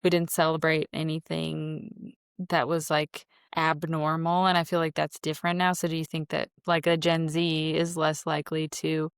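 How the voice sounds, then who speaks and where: A woman's voice: low-pitched, flat delivery, moderate pace, vocal fry, clear, resonant tone, dry recording, studio quality. A woman in her thirties co-hosting a podcast, chatting casually and giving blunt opinions. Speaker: podcast co-host. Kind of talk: casual chat.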